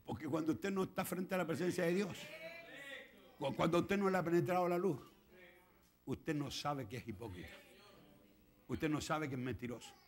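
Chilean preacher, man, middle-aged; high voice, dramatic swings from hush to shouting in a church sermon. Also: expressive, normal speed, pauses often. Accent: Chilean Spanish. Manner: swings from quiet asides to shouted preaching, acts out quoted prayers. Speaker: pastor.

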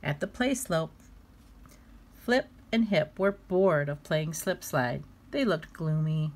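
A woman reading a children's storybook aloud, expressive and lively. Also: deep voice, takes it slowly. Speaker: storybook reader.

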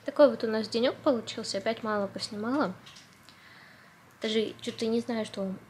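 A woman's voice: a little high, fairly quick, a little mellow, a little hiss or hum. A woman vlogger with a lisp, saying a slushy sh for s, chatting casually and informally about her day.

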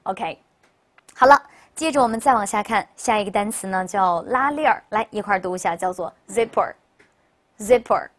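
A woman teacher leads a recorded English vocabulary lesson, explaining in Chinese in a bright, chatty way. She often drops in a cheerful "OK" as she moves on. When she models a word, she stretches it out slowly so learners can repeat after her. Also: medium pitch. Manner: upbeat, chatty classroom delivery with frequent "OK, 好的".

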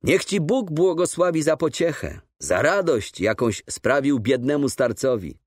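Brief: mournful old teacher read by a male narrator, low husky tremble, slow dry delivery. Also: big pitch swings, no echo. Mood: tender farewell. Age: older. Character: sorrowful old male schoolteacher. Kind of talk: audiobook character voice.

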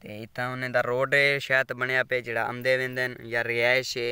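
In this casual walking vlog among farm fields, a village man from Pakistan with a Saraiki accent rambles on chattily and keeps asking viewers to subscribe, filming it all on his phone. He speaks at normal speed in a medium-pitched, bright, very clear voice with a steady, level tone. There's no room echo; the close sound is dry.

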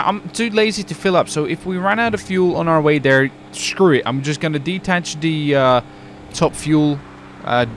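Young UK man, game streamer, chatty rambler, mid-pitched, faint background noise. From United Kingdom. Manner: rambling, chatty, says dude often. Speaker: roleplay streamer. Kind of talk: casual in-game chat.

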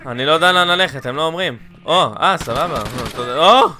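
Excitable young man, gunfire behind. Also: fairly high pitch, background noise. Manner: excitable, bursts into loud exclamations. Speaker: gaming channel host. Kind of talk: let's play commentary. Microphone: headset. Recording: gunfire and game sounds loud behind.

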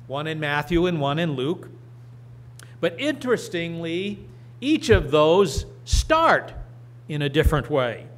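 A middle-aged man preaching and reading scripture from a church lectern, slow and deliberate with emphatic rises. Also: a little high, a bit bright. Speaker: pastor. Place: church sanctuary. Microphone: lectern microphone.

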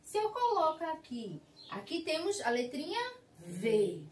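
A woman with a Brazilian Portuguese accent teaching a kindergarten class, drawing out each syllable slowly for small children. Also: high voice, huge pitch swings, roomy sound, recorded from a distance. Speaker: preschool teacher. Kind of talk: slow sing-song kindergarten lesson. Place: school classroom.

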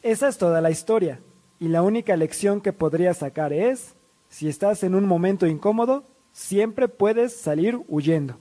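A young man narrating an animated storytime in a lively, self-mocking way, acting out other people's lines. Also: high-pitched, moderate pace.

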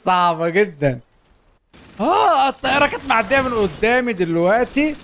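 A young man with an Egyptian Arabic accent, hosting a gameplay video in a fast, laughing banter. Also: very high-pitched. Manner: animated, laughing, quick banter. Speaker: gaming YouTuber. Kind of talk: excited gameplay chat.

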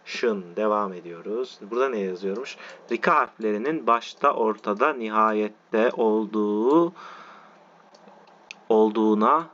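A male teacher giving an online lesson, walking through letter forms slowly and often checking that his listeners are following. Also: lowish voice, a bit bright. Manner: repetitive, checks in with "tamam mı arkadaşlar". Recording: dull lo-fi audio.

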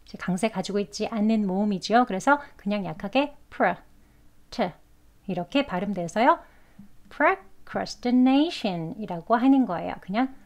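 A Korean-speaking woman teaching English pronunciation, breaking long words into syllables and drawing them out slowly. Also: mid-range voice. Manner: drawn-out, syllable-by-syllable demonstrations. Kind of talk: slow, careful pronunciation lesson.

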